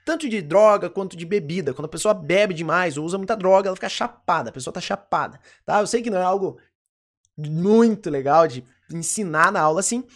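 An English teacher with a Brazilian Portuguese accent, giving a lesson and slowly repeating each phrase with frequent check-ins. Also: medium pitch, expressive. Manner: slow careful repetition, frequent "ok?" check-ins. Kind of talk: online language lesson.

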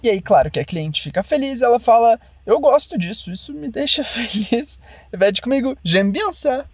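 A French teacher gives a language lesson, modeling phrases slowly and carefully so the listener can repeat them. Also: medium pitch, lively intonation, husky, no room sound.

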